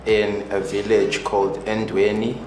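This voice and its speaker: Slow, low-voiced thoughtful man. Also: completely flat delivery, background noise. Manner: slow, thoughtful, with repeated starts. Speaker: youth filmmaker in the program. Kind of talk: documentary interview. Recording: echoey room with music behind.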